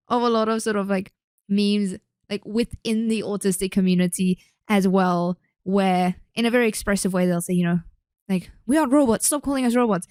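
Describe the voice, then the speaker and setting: Rambling along on her solo podcast, this young Australian speech therapist constantly uses fillers and corrects herself. Her medium-pitched voice comes through a dry, studio-quality recording.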